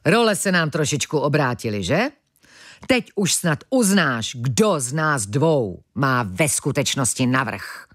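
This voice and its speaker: Brief: woman playing a scornful, shrill male villain professor in a kids' audiobook, high and drawn-out, dry sound. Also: lively intonation, fairly bright tone, no echo. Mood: gloating scornful. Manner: shrill, indignant, contemptuous. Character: pompous villainous male professor, touchy about title. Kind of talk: audiobook character voice.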